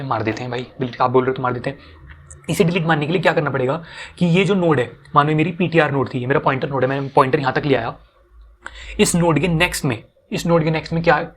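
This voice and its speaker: A man's voice: a little high, a bit bright. A young man explaining code step by step to students in a casual teaching manner, often repeating himself and checking that they follow.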